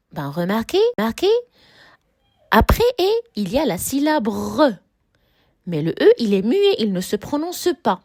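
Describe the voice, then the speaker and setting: Slow, animated woman teaching French. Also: mid-range voice. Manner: slow, deliberate, repeats and stresses example words. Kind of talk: classroom-style grammar lesson.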